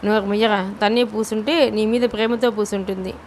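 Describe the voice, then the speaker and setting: A woman's voice: mid-range voice, fairly even intonation, moderate pace, a little hiss or hum, close to an everyday voice. A woman reading the part of a stern middle-aged mother who scolds her son. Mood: scolding. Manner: scolding, firm.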